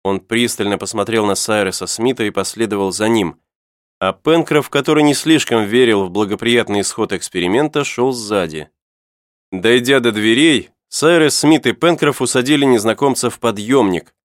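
A man narrating an adventure novel as an audiobook in an even, clear storytelling manner. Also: lowish voice, normal speed, dry recording, clean studio sound.

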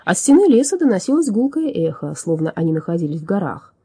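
A woman narrating a fairy-tale audiobook with expressive storytelling. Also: on the low side, fast talker, slightly rough, dry recording, studio quality.

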